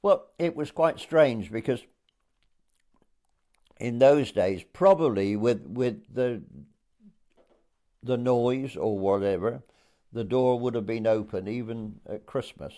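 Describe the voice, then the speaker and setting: This Englishman from Dorset, now in his eighties, shares childhood memories in an oral history interview. His voice is mellow and of medium pitch, and his storytelling is hesitant and broken by pauses.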